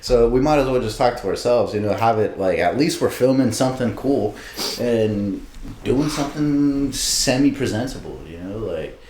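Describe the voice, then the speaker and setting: A man's voice: mid-range voice, animated, moderate pace, darkish tone. A young man co-hosting a podcast in casual chat, swearing and riffing on jokes. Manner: profane, joking, riffs in bits. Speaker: podcast co-host. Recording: echoey room with background noise.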